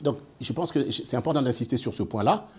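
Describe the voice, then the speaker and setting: A man born in France, a guest in a measured discussion, talking with many fillers and restarts. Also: mid-range voice, expressive, darkish tone, breathy edge. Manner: hesitant, many fillers and repeated words.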